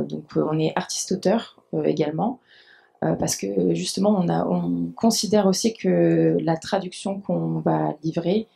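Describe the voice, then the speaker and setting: On a university panel in a lecture hall, a French-speaking woman in her thirties, a dubbing adapter, explains her work into a handheld mic. Her voice is on the low side, creaky and dark, and she speaks hesitantly with many fillers.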